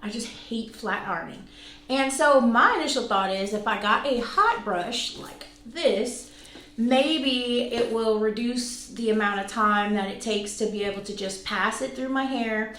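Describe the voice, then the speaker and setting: An unhurried, fairly high and slightly bright voice belongs to a woman around forty reviewing products on her vlog. She talks to viewers casually and informally, joking at her own expense. The space sounds echoey, with faint background noise.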